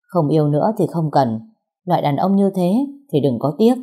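A woman's voice: sits low, lively intonation, normal speed, warm tone, husky. A woman voicing a worried but firm older sister who shields her younger sibling.

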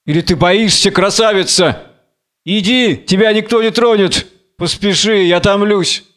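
A blind biblical strongman in a fury, as a male reader puts him on, flinging exalted taunts into the dark. His voice rides high and ringing, smooth and resonant. The delivery is wildly theatrical, like an old audiobook drama. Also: unhurried. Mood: exalted taunting. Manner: wild, exalted, taunting declamation. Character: blind raging biblical strongman Samson, man.

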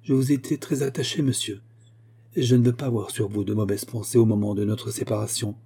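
A man's voice: medium pitch, steady tone, a little fast, creaky, husky. A man voicing a proud young servant. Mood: quiet. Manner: quiet, controlled.

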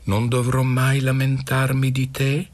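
A man's voice: low-pitched, sing-song, unhurried, creaky, a little mellow, breathy edge, exaggerated voice. A man reading aloud, voicing a stern young woman who gives curt, commanding orders. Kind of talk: literary radio reading.

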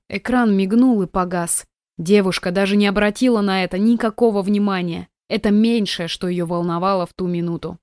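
Woman audiobook narrator, mid pitch, dry close studio sound. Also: darkish tone, no echo.

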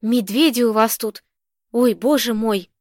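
A woman's voice: on the high side, unhurried, darkish tone, no room sound, natural voice. A woman reading the lines of a fussy, talkative old landlady who chatters and frets, in a dry, close-sounding recording. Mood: fretful. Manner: chattering, fretful.

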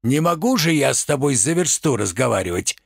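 A man plays a pompous, wrathful provincial tragedian who rants in grand, drawn-out phrases, his pitch leaping wildly. The voice is gravelly and husky, recorded dry and close. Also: sing-song, no room sound, full character voice. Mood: grandiloquent. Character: pompous ranting provincial tragic actor, man. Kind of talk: reading a stage play aloud.

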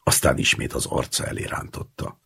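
A man reading a literary short story aloud in the first person, acting out the dialogue in a lively way. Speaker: audiobook narrator.

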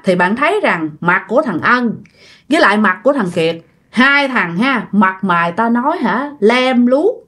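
A woman with a Southern Vietnamese accent casually retelling a ghost story, chatting directly to her listeners. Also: fairly high pitch.

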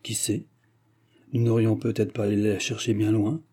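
A man reading the part of a gruff, blunt middle-aged hunter who argues insistently with his brother. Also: on the low side, flat delivery, moderate pace, dark tone. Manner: insistent, bluff.

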